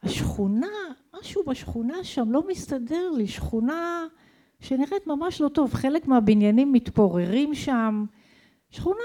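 Middle-aged woman from israel, telling her own story all emotional, highish warm voice. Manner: emotional, intense, with rhetorical questions. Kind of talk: dramatic personal storytelling.

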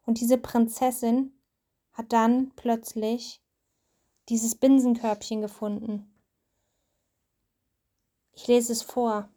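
A woman's voice: on the high side, little pitch movement, takes it slowly, long pauses, mellow. A mother telling and reading a Bible story to her child, explaining as she goes.

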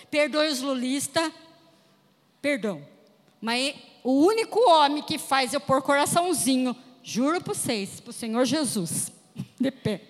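A Brazilian woman preacher telling a funny personal testimony in an animated storytelling manner. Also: high-pitched, long reverb tail. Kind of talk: humorous sermon testimony.

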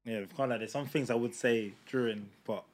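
A man's voice: mid-range voice, steady tone, a little fast. A young man with a London British accent co-hosting a podcast in casual, bantering, slang-filled chat. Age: young adult. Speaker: podcast co-host.

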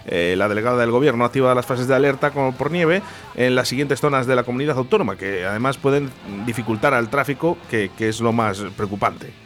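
A man hosting a radio show, reading news items in a relaxed, chatty way. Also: medium pitch, brisk, faint music behind. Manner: relaxed, chatty, easily laughing. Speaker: radio host. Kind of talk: casual news presenting.

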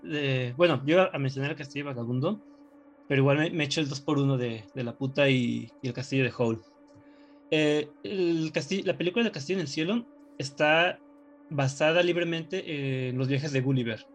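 A man's voice: a little high, moderate pace, soft background music. A man in casual chat, explaining a film in a joking, rambling way. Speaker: podcast co-host.

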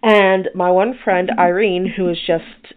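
A woman's voice: lowish voice, fairly even intonation, unhurried. Chatty podcast lady, rambly, sounds like a phone line. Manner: rambling, with frequent restarts and fillers. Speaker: podcast host. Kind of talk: casual chat.

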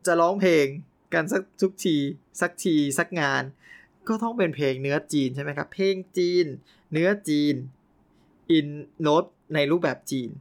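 Lively young Thai man telling a story. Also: on the high side, normal speed, vocal fry. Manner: animated, laughing, playful exclamations. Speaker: podcast host. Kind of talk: casual storytelling.

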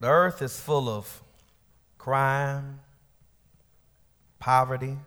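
A man preaching a sermon as pastor, swinging from shouted peaks to quiet asides with casual turns of phrase. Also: mid-range voice, steady tone, very slow, smooth. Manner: colloquial asides. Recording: long church hall reverb.

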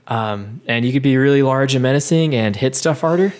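A man playing a tabletop game, chatting casually and hesitantly with many pauses and restarts. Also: medium pitch, a little mellow.

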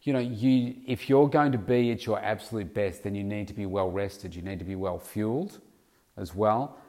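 Gravelly low-voiced middle-aged man. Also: normal speed, mellow. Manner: rambling, with many fillers and restarts. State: has the hiccups. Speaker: podcast host. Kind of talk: casual solo monologue.

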